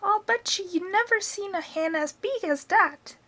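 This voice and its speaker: A woman voicing a boastful old grandmother who shouts in a high, shrill, cackling voice. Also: moderate pace. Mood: gloating.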